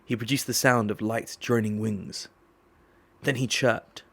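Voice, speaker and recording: A man narrating an audiobook drama in a measured, even storytelling manner. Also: on the low side, creaky, no echo.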